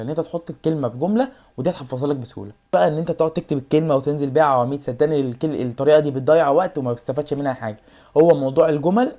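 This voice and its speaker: A woman with an Egyptian Arabic accent talks at a breakneck pace in a casual advice vlog. Her voice sits low and mellow. She speaks straight to the viewer and keeps reassuring them. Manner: rapid, addresses the viewer directly, repeats reassurances. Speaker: YouTuber giving exam study tips.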